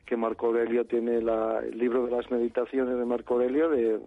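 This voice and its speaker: A man's voice: mid-range voice, level tone. A man from Madrid, an actor, speaking in a phone interview, hesitant and full of restarts. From Madrid, Spain. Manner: halting, restarts often, searching for words. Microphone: telephone. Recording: phone line.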